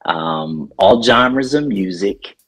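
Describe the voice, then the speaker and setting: A middle-aged man talking casually in an interview about his radio work, relaxed and rambling, with plenty of ums. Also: on the low side, slow pace, breathy edge, soft background music. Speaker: DJ and radio station owner.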